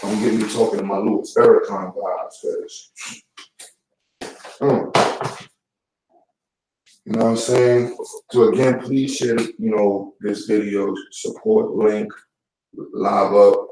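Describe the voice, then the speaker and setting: A man's voice: lowish voice, steady tone, takes it slowly, long pauses, a little mellow, a little hiss or hum. A man giving a casual, blunt vlog rant full of street slang, repeating his points. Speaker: YouTube commentator. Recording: echoey room, voice far from mic.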